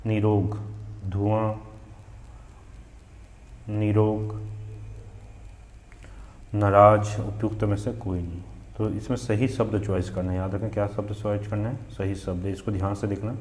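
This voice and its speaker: A Hindi teacher from Chhattisgarh with a regional accent drills exam spellings, asking questions and answering them himself. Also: male voice, lowish voice, darkish tone, reverberant. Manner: repetitive drilling, asks then answers himself. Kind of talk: spelling lesson for exam students.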